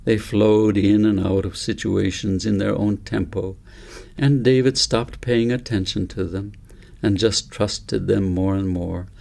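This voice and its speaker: Here an author voices his own story for an audiobook. The man's tone sits on the low side and sounds very gravelly and creaky, and he tells the tale slowly, gently, and with measured care.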